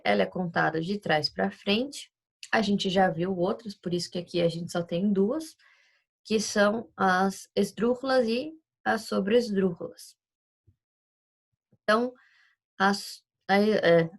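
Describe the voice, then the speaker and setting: A woman's voice: medium pitch, vocal fry. A woman teaching Spanish in a recorded class lesson, explaining patiently and checking often that the students follow along. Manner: explains patiently, checks understanding with tag questions.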